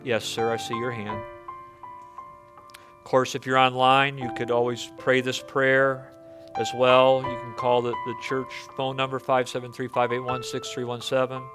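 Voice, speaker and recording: A man's voice: medium pitch, flat delivery, normal speed, music in the background. A man preaching as pastor at a pulpit microphone, earnest and pleading, often repeating words as he leads a prayer in a church. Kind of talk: sermon and closing prayer. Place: church sanctuary.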